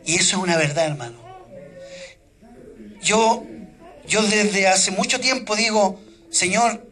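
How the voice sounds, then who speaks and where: A man's voice: high-pitched, lively intonation, measured pace, sharp tone. A middle-aged man, preaching a sermon as pastor, telling personal stories earnestly and quoting his own prayers.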